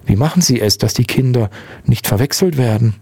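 A man voicing a young new father, soft-spoken and fussing over his wife. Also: medium pitch, lively intonation, brisk, gravelly, slightly rough, no room sound. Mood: affectionate.

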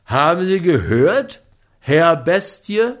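A man voicing a stern, forceful man who gives orders and threats in a loud, firm voice. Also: a little high, very animated, slow, pitched above the performer's own voice. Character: commanding, stern adult man, mining expert.

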